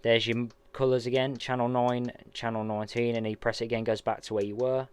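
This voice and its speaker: Speaking fast and smooth at a medium pitch with little rise or fall, a vlogger casually unboxes a radio, talking through each step as he handles it.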